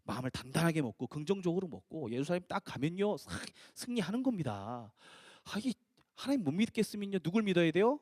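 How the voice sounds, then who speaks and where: A man's voice: fairly high pitch, big pitch swings, darkish tone, no echo, clean studio sound. A male pastor voicing a brash, impulsive male disciple who scolds and wheedles without thinking first. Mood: pushy scolding. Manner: wheedling, scolding, talking fast without filter.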